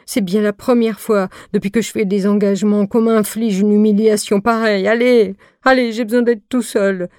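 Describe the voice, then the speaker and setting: A woman's voice: mid-range voice, steady tone, normal speed, hardly any pauses, a little mellow, dry recording, studio quality, voice pushed up, lightly acted. A woman voicing a sulking male booking agent who blubbers petulantly in a tearful voice. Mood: whining, tearful.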